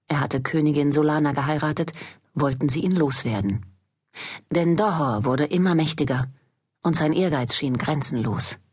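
A woman reading a fantasy novel aloud as an audiobook, in measured storytelling narration. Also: deep voice, slightly rough. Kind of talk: scripted narration.

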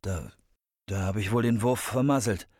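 A man voicing a guarded, deadpan young ex-convict in an audiobook, speaking low and subdued. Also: moderate pace, no room sound, studio quality, close to an everyday voice. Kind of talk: audiobook character voice.

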